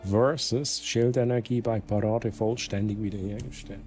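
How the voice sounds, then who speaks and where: A man's voice: lowish voice, fairly even intonation, moderate pace, over music. A man with a Swiss German accent streaming a game, chatting casually with viewers, laughing often and reading the game's text aloud. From Switzerland. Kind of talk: casual gameplay commentary.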